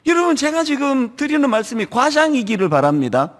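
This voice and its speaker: A middle-aged man from the region preaching a sermon, lively and acting out church members in quoted asides. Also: very high-pitched, a little fast. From Gyeongsang region, Korea. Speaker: pastor. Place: large church sanctuary. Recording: long hall reverb.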